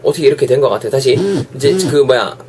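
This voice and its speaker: A young man with a Gyeongsang Korean accent teaching English in a casual online lesson, his throat sore and coughing, chatty and switching to slow drawn-out English examples. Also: mid-range voice, a little mellow, slight background noise. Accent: Gyeongsang Korean dialect.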